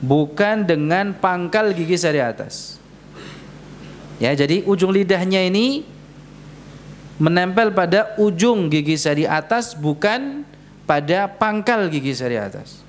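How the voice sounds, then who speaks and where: Slow patient man teaching recitation. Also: high-pitched, lively intonation, a little hiss or hum. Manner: patient, repeats sounds slowly for students to copy. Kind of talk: tajweed lesson in a mosque. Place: prayer hall of a mosque.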